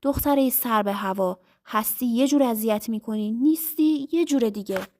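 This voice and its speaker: A woman's voice: a little high, a little mellow, natural voice. A woman voicing a cocky, teasing young husband in a told story. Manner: teasing, mocking.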